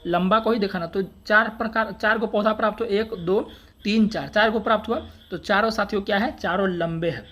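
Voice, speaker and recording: A man teaching an exam-prep science lesson in a steady, drilling way. He asks a question, answers it himself and then repeats the key term for emphasis. Dialect words come through in his Hindi. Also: high voice, a little fast. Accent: Hindi dialect words (बड़का, छोटका).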